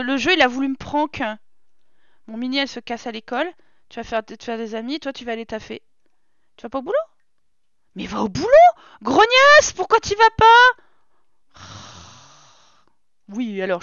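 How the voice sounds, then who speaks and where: A woman's voice: fairly high pitch, fairly bright tone, smooth, no echo, muffled recording. A woman streamer giving casual let's-play commentary, talking to and scolding her game characters in an exasperated way. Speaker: gaming streamer.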